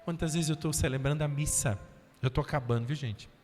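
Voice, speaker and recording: A man's voice: fairly high pitch, fairly quick, darkish tone. A male priest, preaching a sermon at a healing retreat, telling stories and asking the crowd questions. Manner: storytelling, acts out voices, asks the crowd questions. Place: auditorium. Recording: reverberant auditorium, faint music behind.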